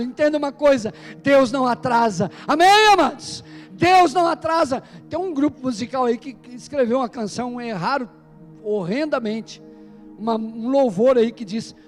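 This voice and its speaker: A man pastor preaching an emphatic sermon in a church service, calling out to the congregation. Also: very high voice.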